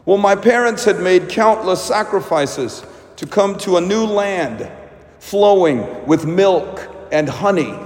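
Slow-speaking priest in a cathedral echo. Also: male voice, sits high. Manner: deliberate, measured preaching with pauses. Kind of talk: Gospel reading and homily. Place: large reverberant church. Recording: echoing church, long cathedral-like reverb.

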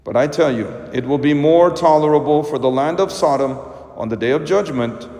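A man, a priest, reading the gospel and preaching a homily in a slow, measured way inside a large church. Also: fairly high pitch, warm tone. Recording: long echoing church reverb.

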